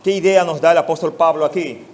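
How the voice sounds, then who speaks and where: A man's voice: fairly high pitch, fairly even intonation, fast, darkish tone. A male pastor with a Mexican Spanish accent preaching an expository sermon, putting rhetorical questions straight to his congregation.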